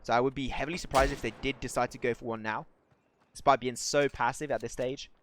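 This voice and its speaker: A man casting a live mobile shooter match, excitable and rising to near shouts on big plays while chatting to viewers. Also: medium pitch, fast talker, no echo. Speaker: esports caster. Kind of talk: live game commentary.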